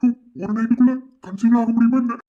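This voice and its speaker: A woman's voice: on the high side, fairly even intonation, quick pace, highs cut off, very noisy, close to an everyday voice. A woman voicing a defensive, flustered young man in a cartoon, with a Madurai Tamil accent. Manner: defensive, blustering, threatening. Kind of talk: cartoon voice acting.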